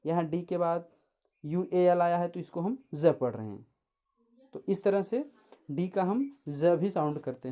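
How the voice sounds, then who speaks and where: A woman teaching English pronunciation, spelling out letters and example words slowly and deliberately. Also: on the low side, mellow. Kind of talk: explanatory spoken lesson.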